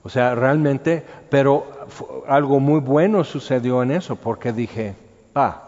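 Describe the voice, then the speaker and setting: A man's voice: mid-range voice, unhurried, a little mellow. A man with a Mexican accent preaching a sermon as a pastor, telling stories conversationally and acting out quotes. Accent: Mexican Spanish. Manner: conversational storytelling, acts out quotes. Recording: dull sound with long hall reverb.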